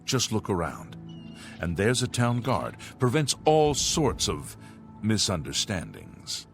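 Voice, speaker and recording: A man's voice: fairly low pitch, huge pitch swings, takes it slowly, soft background music, heavily acted. A man voicing a friendly, gossipy townsman in a video game.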